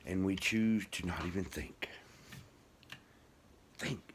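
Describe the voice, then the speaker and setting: An older man with a deep voice and no teeth, so his diction has soft edges, chats in a rambling, casual vlog as a guitar vlogger. He's expressive and measured, folksy and self-deprecating. The recording is clear, with background noise and room ambience.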